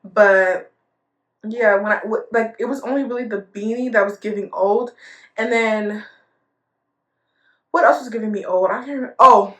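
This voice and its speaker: A young woman in her twenties tells a casual storytime vlog in a chatty way, laughing often and using lots of fillers. Her mid-range voice moves at a moderate pace with long pauses, recorded in an echoey room.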